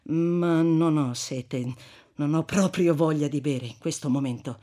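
A reader voicing a shaken young man who answers earnestly and quietly. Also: medium pitch, a little slow, natural voice. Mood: subdued.

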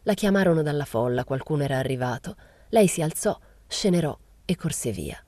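A woman reading a novel aloud in a measured first-person narration. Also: low voice, animated, warm tone, no echo, clean studio sound. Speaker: reader.

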